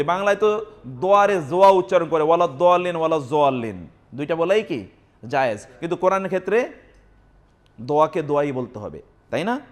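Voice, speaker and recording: A man teaching Arabic grammar to a class, with a Bangladeshi Bengali accent, quizzing his students and drilling words aloud with them. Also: high-pitched.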